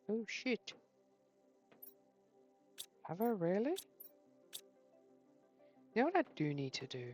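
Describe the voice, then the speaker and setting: A woman hosting a gaming channel, chatting casually to herself as she plays, excitable and quick to swear mildly. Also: on the low side, highs cut off. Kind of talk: casual gameplay commentary.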